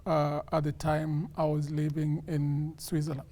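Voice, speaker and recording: A man from Kenya, a police sergeant, speaking in a measured way with many pauses and fillers in an interview. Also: on the high side, completely flat delivery, dark tone. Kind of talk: casual interview talk.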